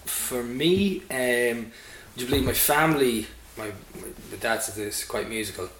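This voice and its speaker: A man's voice: mid-range voice, a little slow, fairly bright tone. A man with a west of Ireland accent, chatting casually in an interview in a jokey, sweary, anecdotal way. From Sligo, west of Ireland. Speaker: band member being interviewed. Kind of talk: casual chat. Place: indoors on pub or venue premises. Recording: roomy echo, faint noise and clicks.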